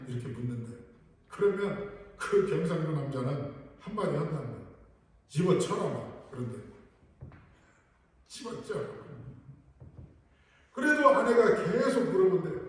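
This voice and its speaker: A male pastor preaching a sermon earnestly and putting rhetorical questions to his congregation. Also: fairly high pitch. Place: large church sanctuary. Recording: echoey hall, voice from far off.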